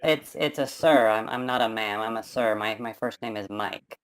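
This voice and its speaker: A man's voice: on the low side, moderate pace, clean tone, dry recording, pitched below the performer's own voice. A man talking through a voice changer while posing as a customer on a phone call, hesitant and stammering with ums and repeated words.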